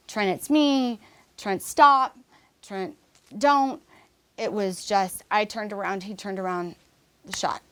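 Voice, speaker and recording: A woman of average pitch, speaking as a guest on a podcast. She recounts her story in an earnest, measured way, often pausing, restarting sentences and filling gaps with "um". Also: smooth. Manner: halting, with restarts and fillers. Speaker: interview guest. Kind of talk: personal story in a podcast interview.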